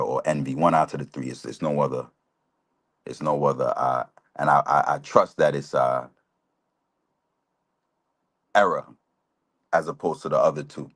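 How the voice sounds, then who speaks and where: Man, 40s, very deep voice, earnest lecturer, keeps checking in with listeners. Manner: earnest, lecturing, asks listeners "right?" often. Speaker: guest speaker, chaplain. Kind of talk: live talk show history explanation.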